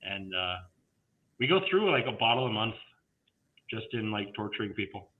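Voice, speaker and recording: A man's voice: lowish voice, expressive, normal speed. A man guest telling playful stories with frequent laughs on a video call. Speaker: guest, tiki designer. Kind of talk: casual video-call chat. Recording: tinny phone-like line.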